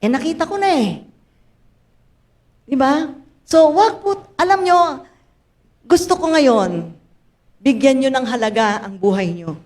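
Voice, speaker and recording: An older woman with a Filipino accent preaches to her church congregation, and her voice sits a little high for a woman. She moves between Tagalog and English and tells her stories with sudden loud rises in pitch. She keeps calling on the listeners directly, asking them to raise their hands. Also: expressive, measured pace, long pauses. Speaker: pastor. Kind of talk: sermon.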